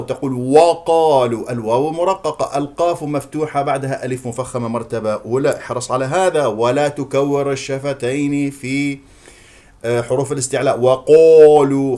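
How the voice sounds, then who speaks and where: A man teaching Quran recitation, drawing words out slowly to model them, then explaining quickly and correcting common mistakes. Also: mid-range voice, darkish tone. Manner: corrective, repeats wrong and right forms. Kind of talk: tajweed recitation lesson.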